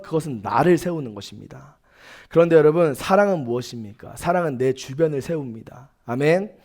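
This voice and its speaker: A young man preaching to a church youth service, his voice sitting a little high for a man. He speaks earnestly and with emphasis, weaving personal stories and acted-out quotes into the sermon. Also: darkish tone. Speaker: youth pastor. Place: church sanctuary.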